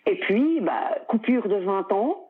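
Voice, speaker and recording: A woman's voice: mid-range voice, expressive, slow pace, husky. Middle-aged woman on a tinny line. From Belgium. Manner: chatty, many fillers, frequent laughs. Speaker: interview guest. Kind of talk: casual conversational interview.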